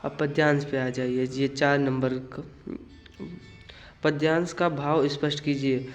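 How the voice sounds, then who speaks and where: Slow, flat-voiced man explaining an exam. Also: mid-range voice, soft background music, poor audio. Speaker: teacher.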